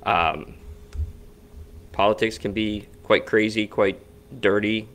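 A man with a fairly low voice chats casually as a podcast co-host. He rambles and restarts his sentences often, talking through stories in a relaxed, conversational way. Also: slow pace. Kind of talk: casual chat. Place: basement home studio.

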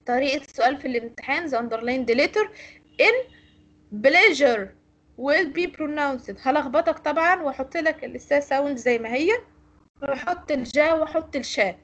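A woman's voice: high voice, moderate pace, fairly bright tone. An Egyptian woman teaching English pronunciation in an online lecture, explaining and correcting students. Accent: Egyptian Arabic.

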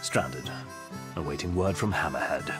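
A man playing a level-headed young royal adviser in a video game, speaking in a measured, articulate, pragmatic way. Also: very deep voice, music in the background. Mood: dry, serious. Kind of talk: video game cutscene acting.

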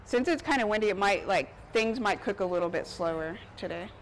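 An animated, brisk woman in her thirties with a mid-range voice runs a casual cooking demonstration, talking while she works in front of people on an outdoor covered market stage. The lapel-mic recording is low quality, with park ambience outside.

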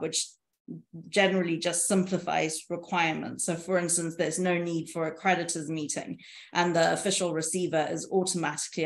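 A woman in her thirties with a lowish voice presents on insolvency reform as a panelist, walking through shared slides on a video call. She speaks in a measured, explanatory way from an indoor room that sounds echoey.

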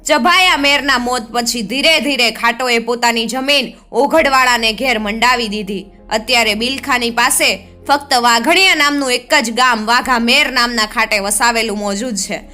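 A woman storyteller narrating a folk tale in a steady, dramatic way. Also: a little high, normal speed, faint music behind.

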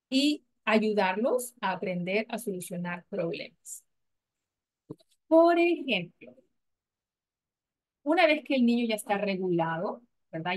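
A woman presenting a parenting training, explaining step by step in a patient way and often checking in with her listeners. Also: fairly high pitch. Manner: patient, explanatory, frequent "¿verdad?" and "¿ok?" check-ins; models gentle questions to children in a soft voice. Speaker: parenting educator.

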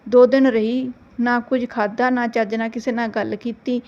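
A woman narrating a short family story in a gentle, steady reading voice. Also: fairly high pitch, normal speed, dull audio.

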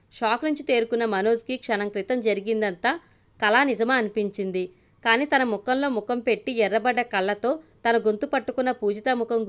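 Woman, storyteller, scripted audio story narration, steady expressive reading, higher pitch.

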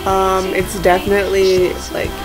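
A young woman vlogs from her living room, sounding tired and sleep deprived. She talks slowly in casual, slangy chat with deadpan jokes. It is a home webcam recording with music behind her. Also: medium pitch, low-quality recording. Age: young adult. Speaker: video blogger. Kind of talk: casual chat to friends on camera. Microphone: webcam or laptop mic at arm's length.

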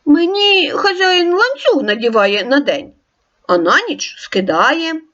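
A woman's voice: sits high, big pitch swings, takes it slowly, a bit bright, dull audio, voice pushed up, full character voice. Woman reading as a well-fed guard dog. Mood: friendly.

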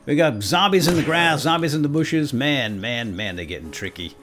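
A man with a mid-range voice hosts a video game let's play at a moderate pace, with music playing underneath. He's animated and jokey, exclaiming as he plays and chatting both to his viewers and to himself.

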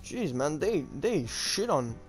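High-pitched sweary male gamer. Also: very animated, slow, soft background music. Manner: informal, slangy and sweary. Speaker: gaming YouTuber. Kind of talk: casual live gameplay commentary.

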